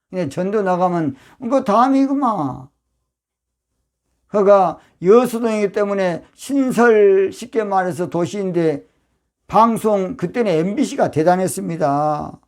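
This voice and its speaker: An older pastor with a Jeolla accent delivers a sermon in a fiery, emphatic manner. His voice sits high for a man and leaps into loud, sharp bursts. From Yeosu, Jeolla province, South Korea.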